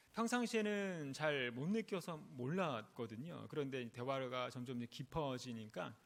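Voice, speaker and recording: A man, a pastor, preaching a sermon with earnest storytelling and rising, emphatic stresses. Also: mid-range voice. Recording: long reverb of a large hall.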